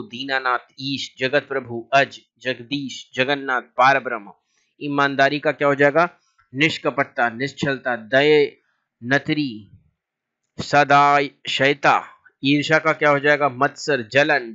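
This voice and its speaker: A man teaching as a language teacher, reciting lists of synonyms in a steady, drilling way with short asides. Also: mid-range voice, highs cut off. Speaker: Hindi teacher.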